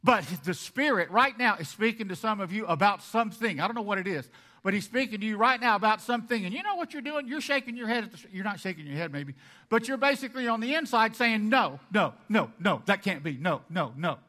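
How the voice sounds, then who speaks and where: Male pastor, high bright tone, lively sermon delivery with big loud-soft swings. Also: fast talker. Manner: animated, swings between loud emphasis and soft asides; acts out the congregation's objections.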